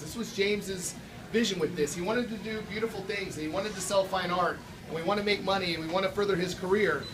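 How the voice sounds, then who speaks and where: A man hosting a gallery event, giving a sales presentation to guests and repeating phrases for emphasis. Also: high voice. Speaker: gallery art dealer hosting a show opening. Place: gallery room at a live event. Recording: distant mic, noisy room.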